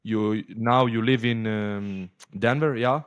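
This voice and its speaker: A man hosting a casual interview, halting, with many fillers. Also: fairly low pitch, fairly even intonation, clear, resonant tone. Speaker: host.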